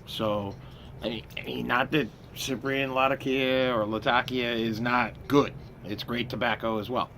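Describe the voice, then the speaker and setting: A man in his fifties chatting casually and unhurriedly, with pauses, as he smokes a pipe that is often in his mouth. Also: medium pitch, fairly even intonation, a bit bright. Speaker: pipe tobacco reviewer. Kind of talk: casual vlog chat. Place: outdoors by a house with trees. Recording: clear outdoor ambient noise.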